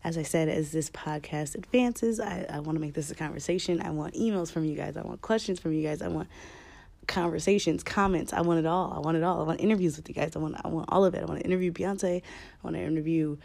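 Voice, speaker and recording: A woman hosting a podcast in casual, rambling, candid talk, with a deep chesty voice that is a bit scratchy from a cold. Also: fast, gravelly, mellow, dry recording. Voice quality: slightly scratchy. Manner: candid, informal, swearing freely. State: fighting a cold. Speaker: podcast host.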